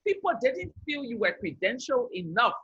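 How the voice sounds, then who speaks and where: A woman from Liberia speaks earnestly and reflectively, pausing to gather her thoughts. Her voice is husky and close. The recording is dry and muffled, a bit lo-fi. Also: on the high side, very animated, a bit bright, dry recording. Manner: earnest, measured, with thoughtful pauses and restarts. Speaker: peace activist guest. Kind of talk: reflective podcast storytelling.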